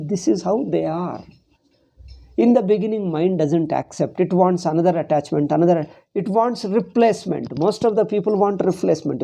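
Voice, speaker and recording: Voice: mid-range voice, vocal fry, warm tone. A spiritual teacher with a South Indian accent giving an informal discourse on scripture, repeating phrases and posing rhetorical questions. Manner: repetitive, rhetorical questions, acts out imagined complaints.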